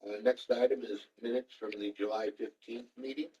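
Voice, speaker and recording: A man chairing a town board meeting, running through the agenda in a brisk, procedural way. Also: medium pitch, fairly even intonation, warm tone, a little hiss or hum. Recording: roomy hall, mic far off.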